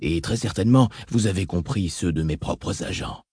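A man voicing a calm, calculating mentat advisor in an audiobook, soft-spoken and reasoned. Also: low-pitched, moderate pace, husky, no room sound, studio quality, pitched below the performer's own voice. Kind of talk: audiobook reading.

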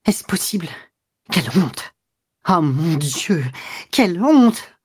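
A woman voicing a furious, betrayed young woman in love who bursts out in shrill, breathless outbursts. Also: very animated, slow pace, darkish tone, husky, no echo, clean studio sound, full character voice.

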